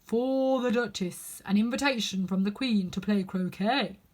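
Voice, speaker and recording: A woman voicing a solemn, ceremonious male fish footman in a storybook, proclaiming slowly and formally. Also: mid-range voice, darkish tone, lightly acted.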